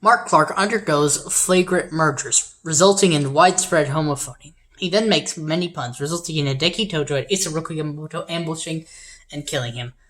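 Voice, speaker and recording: A woman with a low, deep-set voice reads game events aloud in a casual way. She stumbles and restarts on names, then throws in wry, apologetic side comments between the lines. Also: fairly quick, a bit bright. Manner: reads events aloud, trips over names, adds sheepish wry asides. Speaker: game player narrating events. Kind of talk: casual reading of simulator events with asides.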